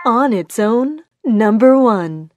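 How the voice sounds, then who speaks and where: A woman working as a bingo caller, announcing each call deliberately in short, separate phrases. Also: a little high, lively intonation, a little mellow. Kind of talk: bingo calling with rhyming nicknames, announced number by number. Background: music.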